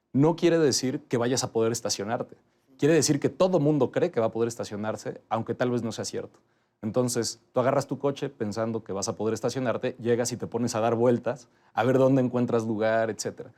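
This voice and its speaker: A man, a guest in an interview, explaining transport policy in a steady, methodical way. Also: mid-range voice, a little fast. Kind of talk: interview answers.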